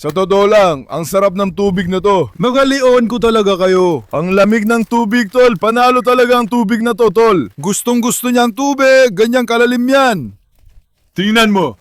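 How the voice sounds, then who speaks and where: A man's voice: sits high, moderate pace, dry recording, clean studio sound. A man vlogging casually from his backyard pool, coaxing and calling his dogs with affectionate talk to them and his viewers. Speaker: vlogger and dog owner.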